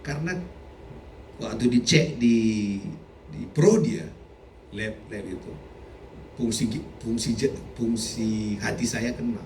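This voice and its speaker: A middle-aged man preaching a sermon as a pastor, animated, sometimes shouting and often laughing. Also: medium pitch, takes it slowly, pauses often, a little hiss or hum. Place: church hall. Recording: echoey church hall, mic from a distance.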